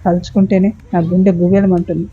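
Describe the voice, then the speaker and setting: A woman's voice: on the low side, flat delivery, fairly quick, dark tone, breathy edge, dull audio. A woman voicing a stern, angry middle-aged mother-in-law who scolds harshly. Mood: angry scolding.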